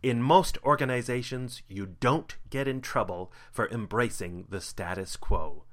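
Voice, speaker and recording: A man's voice: medium pitch, unhurried, fairly bright tone. A man hosting a podcast, reading a scripted monologue in an upbeat, playful way with punchy segment openers. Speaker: podcast host.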